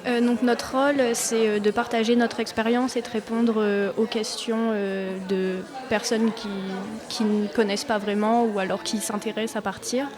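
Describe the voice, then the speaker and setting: Flat-voiced young woman, crowd behind. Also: fairly high pitch, moderate pace, hardly any pauses. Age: young adult. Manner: hesitant, soft, monotone. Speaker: student, programme ambassador. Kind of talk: panel guest answering. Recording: crowd noise at a public event.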